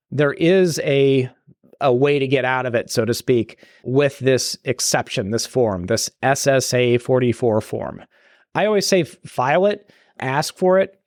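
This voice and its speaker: A man's voice: mid-range voice, dry recording, clean studio sound. A man hosting a podcast, explaining retirement benefits in a conversational way, often restarting and adding asides. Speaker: podcast host and retirement planner. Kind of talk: solo podcast explaining listener questions.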